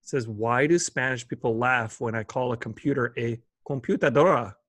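A man's voice: mid-range voice, normal speed, fairly bright tone, no echo. A man hosting a casual chat, curious and playful, stumbling over Spanish words while reading from an article. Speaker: host.

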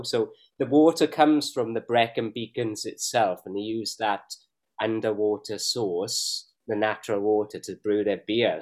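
A man co-hosting a beer review show, chatty and jokey, often laughing. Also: lowish voice. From Wales. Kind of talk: casual banter.

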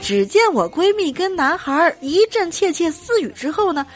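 A young woman performing a stand-up comedy story, animated and trailing her phrases with drawn-out particles. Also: very high voice. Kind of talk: comic storytelling monologue.

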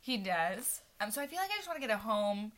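A young woman in her early twenties hosts a relaxed chat with a friend, her voice bright and ringing. She jokes and giggles often, and her pitch swings widely as she talks. She speaks into a tabletop podcast mic. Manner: giggly, playful, quick to joke. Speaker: podcast host. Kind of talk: casual chat.

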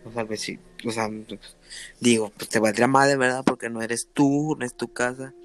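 A man's voice: mid-range voice, steady tone, a little fast. A man with a Mexican accent, hosting a podcast in loose, slangy, rambling banter. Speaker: podcast host. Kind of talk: casual banter.

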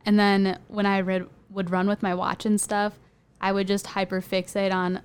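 Young woman guest chatting on a podcast, smooth clear voice, says like a lot. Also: medium pitch, little pitch movement, normal speed. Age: young adult. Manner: chatty, many "like" fillers, light laughs. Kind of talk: casual chat.

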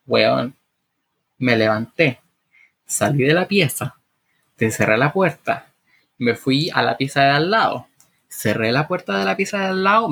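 Gravelly Chilean woman telling lively stories. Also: extremely low pitch. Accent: Chilean Spanish. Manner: animated, acts out scenes with sound effects and put-on voices. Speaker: podcast co-host. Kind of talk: casual storytelling chat.

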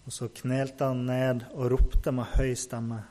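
A man's voice: mid-range voice, little pitch movement, warm tone. A man casually retelling a Bible story, unscripted, with hesitations and fillers.

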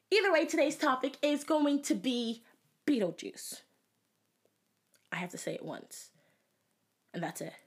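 A woman's voice: high-pitched, very animated, unhurried, pauses often. Giggly young woman hosting a podcast. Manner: giggly and chatty, often drops to a whisper. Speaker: podcast host. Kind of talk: casual solo podcast chat.

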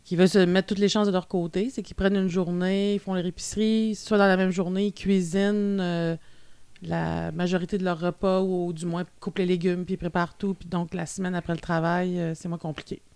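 Québécois woman co-hosting a podcast, kinda low gravelly voice, dry close sound, lots of euh. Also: level tone, a little fast, dark tone, no room sound. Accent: Québécois French. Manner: reads definitions aloud, chatty with fillers. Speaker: podcast co-host. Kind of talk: casual chat.

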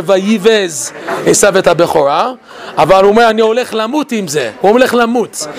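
A man giving an animated Torah talk. He laughs often and asks many rhetorical questions. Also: high voice, gravelly. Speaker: Torah teacher.

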